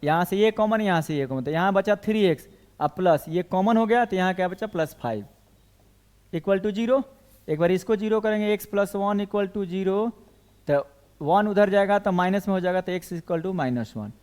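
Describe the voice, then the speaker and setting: A man with a high voice teaches a math class in a classroom. He works through each equation step by step and keeps putting questions to his students. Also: normal speed, darkish tone. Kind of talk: classroom lecture.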